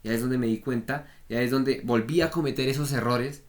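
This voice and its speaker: A man's voice: mid-range voice, steady tone, fairly quick. A man giving a frank, repetitive spoken lesson on trader psychology, often checking in with the listener. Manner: frank, repetitive, peppers talk with "¿vale?". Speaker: trading coach.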